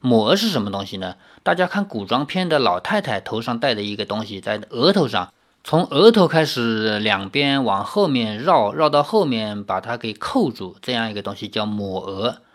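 Lively storyteller reading a novel aloud. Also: mid-range voice, moderate pace. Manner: expressive storytelling with asides. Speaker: audiobook narrator.

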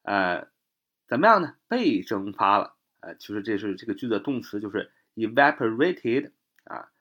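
A man's voice: lowish voice, big pitch swings, moderate pace, a bit bright. A man with a Chinese accent teaching English vocabulary, spelling words letter by letter and often adding "啊" as filler. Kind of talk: spoken vocabulary lesson.

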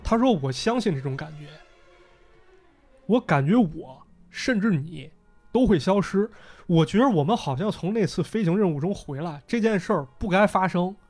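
A man with a fairly high voice tells a story in a relaxed podcast chat. He slips into the characters' lines as he narrates. Faint music plays underneath. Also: normal speed. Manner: lively retelling, voicing characters in quotes. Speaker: podcast host. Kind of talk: casual storytelling.

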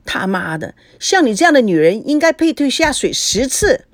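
A woman's voice: high voice, big pitch swings, moderate pace, dry recording, clean studio sound, voice pushed up. A woman voicing a rude, foul-mouthed male taxi driver in a read-aloud story. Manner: coarse, blunt.

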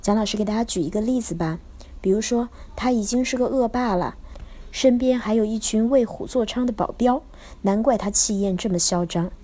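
Woman, teacher, storytelling for children, lively, expressive, fairly high voice. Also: fairly quick.

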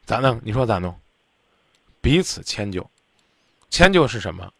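A man's voice: lowish voice, big pitch swings, normal speed, vocal fry, fairly bright tone, no room sound, clean studio sound. A man hosting a radio call-in advice show, blunt and lecturing as he scolds the caller. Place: radio studio.

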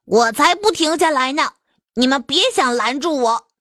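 A woman's voice: high voice, moderate pace, a bit bright, no room sound, clean studio sound. A woman voicing a boastful, stubborn male frog who talks arrogantly and blusters in a children's story.

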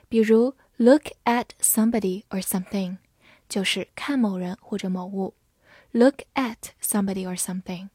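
A woman teaching English vocabulary in a scripted lesson, spelling each word letter by letter and reading example sentences slowly. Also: medium pitch, warm tone, husky, dry recording, studio quality.

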